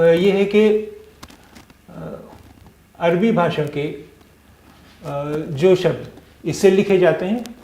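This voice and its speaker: A male teacher with a somewhat high voice gives a language lesson at a very slow pace. He patiently repeats each letter sound and often pauses with "uh". The room around him is echoey. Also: warm tone. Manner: patient, repeats sounds, many hesitant "uh" fillers.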